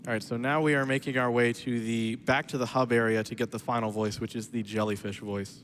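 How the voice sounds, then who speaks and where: A man's voice: medium pitch, flat delivery, a little fast, fairly bright tone, slight background noise. A man giving casual live commentary as he plays through his own speedrun, explaining the route with chatty, playful asides. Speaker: speedrunner narrating own run.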